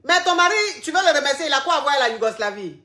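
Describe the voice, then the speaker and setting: A woman's voice: sits high, lively intonation, racing, bright, forceful tone. A woman hosting a live call-in advice show, talking bluntly and repeating herself, calling listeners by pet names. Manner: blunt, repetitive, affectionate terms.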